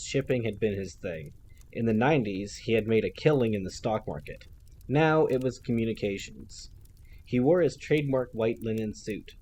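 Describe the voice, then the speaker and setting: A man reading a novel aloud in an even storytelling manner. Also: lowish voice, slight background noise. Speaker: audiobook reader.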